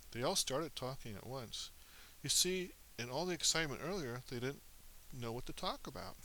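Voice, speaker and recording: Expressive male narrator for a kids' story, lively pitch. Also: slight background noise, rough recording. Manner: animated, expressive reading with small slips.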